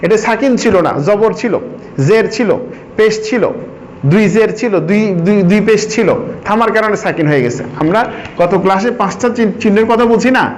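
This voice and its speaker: High-voiced man teaching a class. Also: a little hiss or hum, rough recording. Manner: asks the class questions and repeats answers; sounds out syllables slowly for drilling. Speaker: Quran reading teacher. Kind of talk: classroom lesson.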